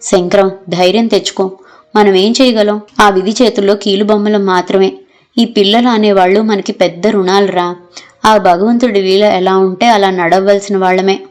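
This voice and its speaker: A woman narrator reading the lines of a worried elderly man who gently consoles his grieving friend in a storybook reading. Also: medium pitch, steady tone, normal speed, faint music behind, natural voice. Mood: consoling.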